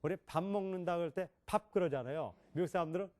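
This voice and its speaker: A man's voice: high-pitched, fast talker, a little mellow. A middle-aged man giving a classroom lecture on English pronunciation, questioning his listeners and demonstrating sounds.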